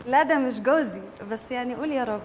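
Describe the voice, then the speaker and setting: A high-voiced Egyptian woman, played by an actress, rattling off her lines at great speed, teasing and scolding by turns. Her voice rings in an echoey space with a long tail, with faint ambience behind it. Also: fast, noisy background, natural voice. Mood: lively. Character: chatty young woman resident, quick-tongued. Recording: echoey room with long reverb.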